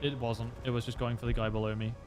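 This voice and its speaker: A man's voice: mid-range voice, little pitch movement, quick pace, over music. A young man streaming a flight game, chatting casually and explaining tactics with lots of fillers. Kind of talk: casual gameplay commentary.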